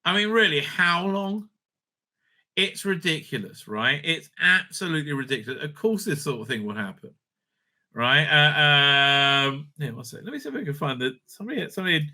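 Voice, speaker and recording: Here a male video host riffs off the cuff with strong opinions and swearing, tripping over words and repeating himself in an excited way. His pitch is slightly high and his pace moderate.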